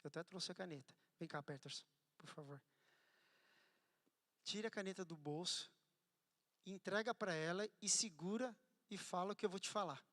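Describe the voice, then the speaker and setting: A man preaching a sermon, telling a story with animated swings from loud to hushed. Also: high-pitched, moderate pace, long pauses. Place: church hall. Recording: church hall with long reverb.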